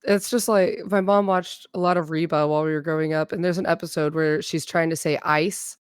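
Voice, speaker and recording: A woman chatting casually on a podcast, telling animated stories and acting out the people she quotes. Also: sits low, fairly quick, smooth, no room sound, studio quality. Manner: animated storyteller, acts out quotes, laughs often. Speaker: podcast co-host. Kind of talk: casual chat.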